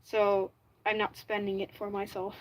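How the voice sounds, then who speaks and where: A Flemish-accented woman, a native Dutch speaker, livestreams while making a fursuit, chatting casually. Her medium-pitched voice is monotone at a moderate pace, and she often restarts, corrects herself mid-sentence, and says "like" a lot. The recording is rough.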